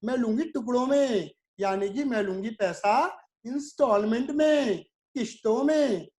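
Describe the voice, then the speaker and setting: A man's voice: very high-pitched, measured pace, a little mellow. A man voicing a company as a boastful woman who sells her shares and announces herself in a sing-song way, during a lesson.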